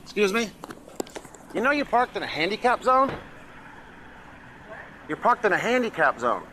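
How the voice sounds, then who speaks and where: A man's voice: high-pitched, big pitch swings, normal speed, pushed and bright, a little hiss or hum, rough recording. A man filming on his phone in a parking lot, firmly insisting he is within the law. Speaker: bystander filming a parking violation. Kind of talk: calm argument. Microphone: handheld phone.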